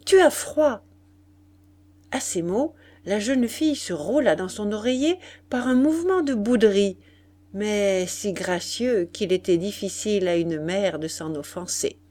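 A woman narrating a classic novel in a measured, steady reading. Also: mid-range voice.

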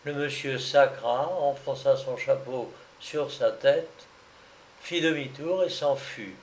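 A man narrating a literary story in a measured, expressive reading. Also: mid-range voice, roomy sound, a little hiss or hum.

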